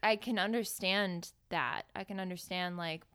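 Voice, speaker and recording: A woman's voice: on the low side, steady tone, normal speed, a bit bright, clear, resonant tone. A woman co-hosting a casual chat, thoughtful and sympathetic. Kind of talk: casual chat about a dating show.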